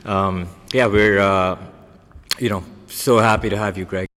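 A man with a lowish voice hosts a casual podcast, friendly and loose, with fillers everywhere and a habit of trailing off softly. A long room reverb hangs on his voice. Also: fairly even intonation, unhurried. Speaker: podcast host.

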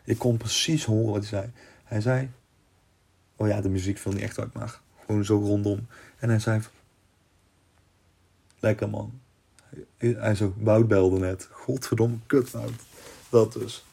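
Gravelly, low-voiced young man. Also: steady tone, unhurried, long pauses, mellow. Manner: rambling, restarts often, swears casually. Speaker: podcast host. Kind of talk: casual personal storytelling.

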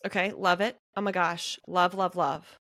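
A woman's voice: fairly low pitch, steady tone, normal speed, a bit bright, no echo. A woman hosting a casual podcast interview in an effusive, gushing way. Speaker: podcast host.

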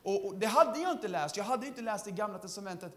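A young man giving a lively testimony sermon, laughing often and calling out to the congregation. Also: high-pitched. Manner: lively storytelling, laughing often, shouts to the crowd. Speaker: preacher.

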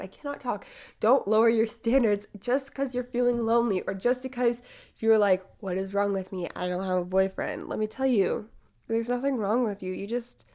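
A woman of eighteen hosts a podcast, giving a casual monologue while congested from a cold. She's chatty and uses plenty of fillers, her mid-range voice darkish in tone.

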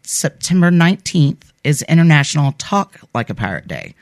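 A man's voice: on the high side, huge pitch swings, moderate pace, dry recording, clean studio sound. Easygoing man chatting as a guest. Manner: easygoing and talkative, with fillers and laughs. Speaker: guest, pirate group captain. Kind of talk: casual interview chat.

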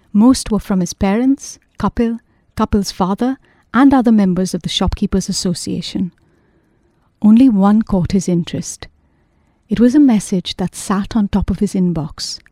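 Mellow dark-voiced woman narrating. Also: medium pitch, no echo, clean studio sound. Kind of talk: audiobook narration.

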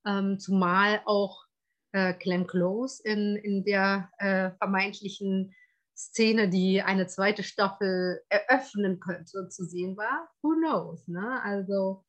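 A woman co-hosting a casual review podcast. She talks in a chatty, loose way, full of fillers and little tag questions. Her pitch sits in a middle range. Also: fairly even intonation, slow pace. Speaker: podcast co-host.

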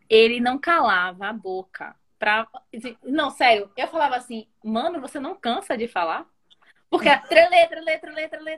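A woman's voice: fairly high pitch, fairly bright tone. A woman with a Brazilian Portuguese accent telling a personal story in casual chat, dramatically acting out the dialogue.

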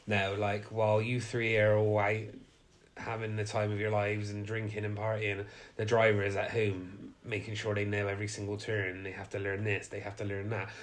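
A podcast co-host, his nose blocked up from a cold, casually recaps a film's plot, stuffing it with fillers and acting out quotes. He speaks in a lowish monotone at a moderate pace.

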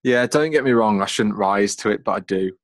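A man's voice: on the low side, fairly quick, no room sound, clean studio sound. A man co-hosting a casual football podcast, chatty and self-mocking. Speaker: podcast co-host.

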